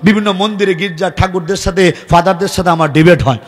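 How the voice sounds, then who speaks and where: A man from Bangladesh, preaching a fiery sermon at a large gathering and shouting rhythmic call-and-response prompts to the crowd. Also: sits high, fairly even intonation, quick pace. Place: large religious gathering beside a fair. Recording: reverberant venue with crowd noise.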